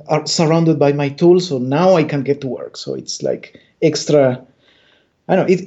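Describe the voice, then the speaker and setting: A Bolivian comic artist, guesting in a casual interview, rambles, stammers and restarts often. His voice is fairly high with a dark tone, captured in dull lo-fi audio.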